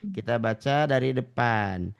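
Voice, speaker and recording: A man's voice: medium pitch, vocal fry, clean tone, muffled recording. A man teaching Quran recitation in an online class, patiently drawing out and repeating sounds for his students. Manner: slow drawn-out model recitation, repeating sounds; patient, addresses listeners as ladies and gentlemen.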